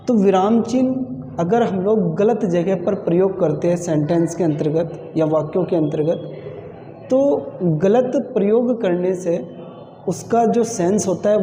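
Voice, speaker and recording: A man teaching an exam-prep grammar lesson, explaining slowly and repeating key points with pauses. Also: high voice, dark tone, a little hiss or hum. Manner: slow, repetitive explaining with pauses. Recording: echoey room with long reverb.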